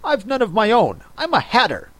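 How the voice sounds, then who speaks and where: A man voicing a nervous, rambling male hatter who speaks in a trembling, hurried way. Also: sits high, wildly swooping pitch, a bit bright, no room sound, pitched above the performer's own voice, heavily acted.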